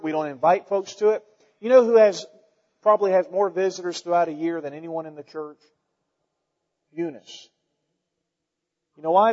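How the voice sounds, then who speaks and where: His voice sitting high with a darkish tone, a pastor in his forties delivers a fervent sermon to his congregation, rich in rhetorical questions and folksy asides. It was recorded in a church sanctuary, where the sound comes out dull and reverberant.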